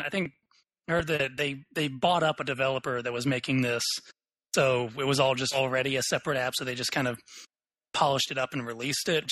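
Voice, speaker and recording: A young man co-hosting a casual tech podcast, opinionated and quick, thinking aloud as he talks. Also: fairly high pitch, a bit bright, no room sound, low-quality recording. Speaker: podcast co-host.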